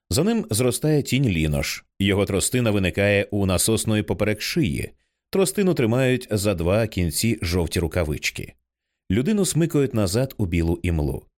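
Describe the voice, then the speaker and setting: A man narrating an audiobook in an expressive reading style, changing his voice for the characters. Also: fairly low pitch. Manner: expressive, acts out many characters. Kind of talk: scripted narration.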